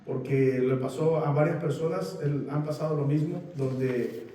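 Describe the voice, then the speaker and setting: Pastor preaching in an echoey room. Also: male voice, on the high side, steady tone, warm tone, a little hiss or hum. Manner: halting, repeats words, many fillers. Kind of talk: sermon with congregation sharing. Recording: echoey room picked up from a distance.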